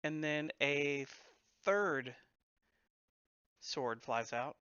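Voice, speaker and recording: A man runs a tabletop game as game master. His voice is clear and forward, and he announces turns in a measured, hesitant, casual way. The recording is very dry and slightly muffled. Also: a little high, lively intonation, sharp tone, no room sound.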